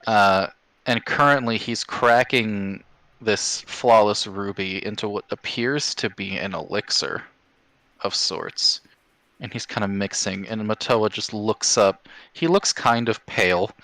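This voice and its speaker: A man's voice: on the low side, steady tone, a little slow, bright, forceful tone, dry recording, rough recording. A man narrating a tabletop game as game master, in an informal, sweary way.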